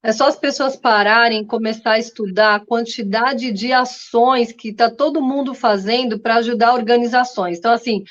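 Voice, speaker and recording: A woman's voice: on the high side, fairly even intonation, moderate pace, few pauses. Woman host, earnest, rambling, lo-fi audio. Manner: earnest, talks in long run-on thoughts. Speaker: podcast host. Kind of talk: conversational discussion. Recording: dull lo-fi sound.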